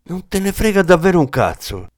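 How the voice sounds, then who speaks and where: A man's voice: sits high, very animated, a little fast, pitched above the performer's own voice. A man voicing an irritated male desk sergeant in an audiobook, curt and defensive.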